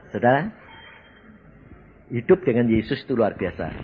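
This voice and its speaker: Male preacher, lively swings of pitch, slightly dull recording with faint room ambience. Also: slight background noise. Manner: dramatic storytelling with sudden loud exclamations. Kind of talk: sermon testimony.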